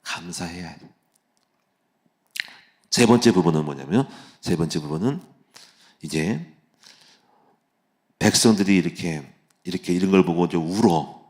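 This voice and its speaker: A male pastor giving an early-morning sermon in a casual, conversational way, full of rhetorical questions and lively storytelling. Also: low voice, unhurried, long pauses. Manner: casual, conversational preaching with plain speech endings and rhetorical questions; vivid storytelling that acts out quoted voices. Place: church sanctuary.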